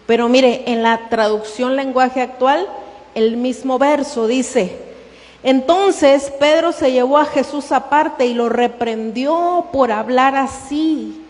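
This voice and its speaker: A woman's voice: high-pitched, slow, darkish tone, in a large hall. A woman pastor preaching a sermon, asking the congregation questions and calling them "hermano".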